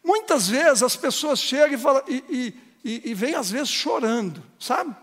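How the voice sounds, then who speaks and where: A man's voice: extremely high pitch, lively intonation, measured pace, a bit bright. A man preaching a sermon as pastor, building to emphatic, emotional passages and acting out conversations with churchgoers. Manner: acts out dialogues with congregants. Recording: long hall reverb.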